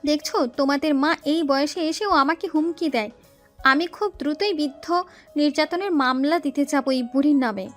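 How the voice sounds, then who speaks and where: A woman's voice: very high-pitched, lively intonation, normal speed, fairly bright tone, faint music behind, pitched above the performer's own voice. A woman voicing a young girl who talks like her cheeky old grandfather, with teasing, grumbling old-man talk.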